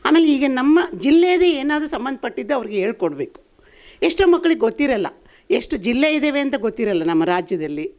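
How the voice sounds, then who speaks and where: A woman's voice: sits high, big pitch swings, fast, a little mellow. An older woman, a senior member of the group, giving a frank and opinionated impromptu talk as a guest speaker. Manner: frank, opinionated, plain-spoken.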